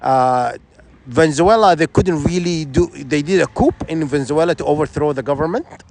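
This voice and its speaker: A man's voice: on the high side, moderate pace, gravelly, background noise. A man from Sudan, giving an insistent, rambling opinion monologue full of restarts and rhetorical questions. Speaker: vlogger.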